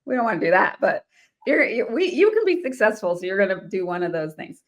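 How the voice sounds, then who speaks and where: She talks fast and very animatedly in a medium-pitched voice, a Washington, D.C.-area real estate investor sharing her life story as an interview guest. Laughter and restarted sentences run throughout her casual telling.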